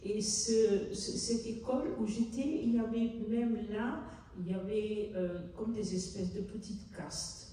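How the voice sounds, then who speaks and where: The mellow, mid-range voice of an older woman, a Dutch native from the Netherlands, carries through a big echoey hall at a city hall book fair, picked up by a distant mic with slight background noise. She is the author and guest at this public book talk, and her delivery is halting and earnest, with fairly even intonation and frequent pauses to find words.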